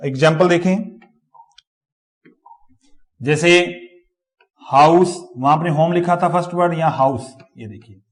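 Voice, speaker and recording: A man teaching an exam-prep phonetics lecture, repeating each word slowly for the class and often turning away from the mic to write on the board. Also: a little high.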